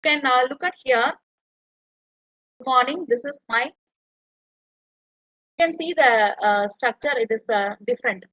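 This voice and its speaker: A woman's voice: fairly high pitch, animated, moderate pace, pauses often, a bit bright, no echo, lo-fi sound. A woman lecturer, explaining step by step as she types in an online tutorial. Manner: explains step by step while typing.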